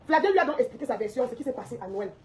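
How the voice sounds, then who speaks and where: A woman's voice: fairly high pitch, animated, rapid-fire, a little mellow, a little hiss or hum. A woman delivering a heated, confrontational social media rant, repeating her points and laughing mockingly.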